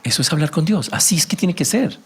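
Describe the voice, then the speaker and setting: A man preaching a sermon as a pastor, animated, asking rhetorical questions and acting out everyday conversations. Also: fast talker, breathy edge. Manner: rhetorical questions, rising to emphatic pitch.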